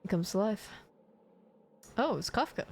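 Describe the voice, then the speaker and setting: A woman's voice: mid-range voice, lively intonation, measured pace, darkish tone, breathy edge. A woman streaming a game, reading its text aloud expressively and adding casual commentary. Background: music.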